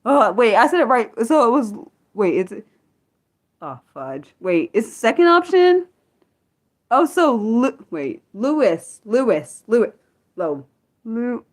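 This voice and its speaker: A woman in her thirties, speaking at medium pitch, hosts an unscripted livestream. She chats casually with viewers and reads comments, rambling and correcting herself while her energy swings between excited and subdued.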